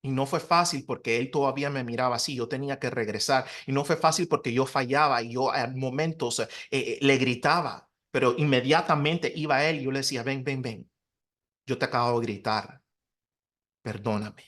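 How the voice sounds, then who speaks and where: A man in his thirties, a pastor, giving an earnest, confessional personal testimony in conversation, his voice dropping softly at emotional points. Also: mid-range voice, a little fast, few pauses. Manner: earnest, confessional, soft-spoken with emotional dips.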